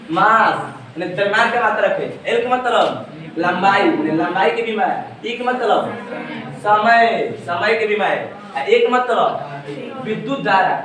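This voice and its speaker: A male physics teacher lecturing a class, asking questions and repeating the answers to drill them in. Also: sits high. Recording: echoey room, voice from far off.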